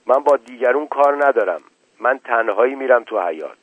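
A man's voice: medium pitch, expressive, slightly rough, no room sound. A man reading aloud voices a weary village musician who plays at a wedding. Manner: weary, plain-spoken. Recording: tinny phone-like dry recording.

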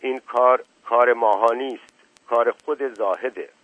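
A man reading aloud as a loyal villager who loudly urges the others to obey the elder. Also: mid-range voice, steady tone, no room sound, lightly acted, rough recording. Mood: urging. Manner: loud, urging.

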